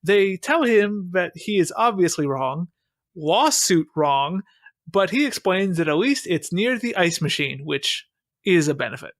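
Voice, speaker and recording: A man hosts a podcast, chatting casually and recapping an episode with a wry, sarcastic manner on a close mic. His voice sits high with lively intonation and a slightly slow delivery. There's no room sound.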